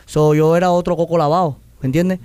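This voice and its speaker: A young Cuban artist with a Cuban Spanish accent tells stories as a guest in a casual interview, animated and often restarting, acting out other people's voices. His voice sits on the high side, smooth and a little fast, with no echo.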